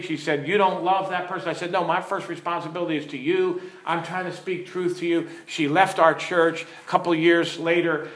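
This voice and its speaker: A man's voice: fairly high pitch, fairly bright tone. Earnest pastor man in an echoey room. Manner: earnest, storytelling, asks the audience questions. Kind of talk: teaching sermon with stories.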